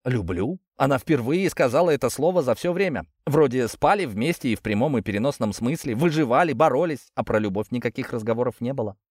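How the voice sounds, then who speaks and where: A man reading a first-person audiobook in a steady, grim storytelling manner. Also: medium pitch, fast talker, few pauses, no room sound, clean studio sound. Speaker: audiobook narrator.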